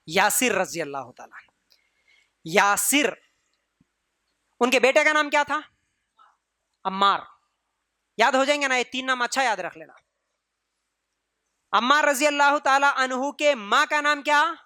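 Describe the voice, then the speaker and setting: A man with a Deccani Urdu accent giving an animated religious storytelling lecture, quizzing listeners and repeating phrases for emphasis. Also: extremely high pitch, pauses often, clear, resonant tone, no room sound, clean studio sound. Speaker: preacher.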